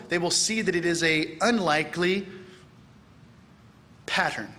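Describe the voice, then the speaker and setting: A middle-aged man giving a lecture to a church audience from the pulpit, acting out bits of dialogue in a raised voice. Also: on the high side. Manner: animated, acts out dialogue with raised voice. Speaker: speaker at a church conference. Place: large church hall.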